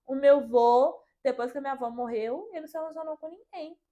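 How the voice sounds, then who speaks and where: A young woman guest telling personal stories in a lively, chatty way with lots of filler phrases. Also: high-pitched, fast, highs cut off. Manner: lively storyteller, fills with "meio tipo assim". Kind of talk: casual chat.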